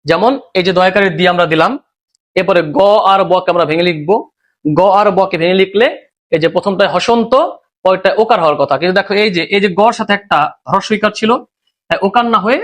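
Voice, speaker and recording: A man's voice: sits high, fast, a bit bright. A male teacher with a Bangladeshi Bengali accent, explaining a lesson step by step and asking and answering his own questions. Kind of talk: recorded grammar lesson.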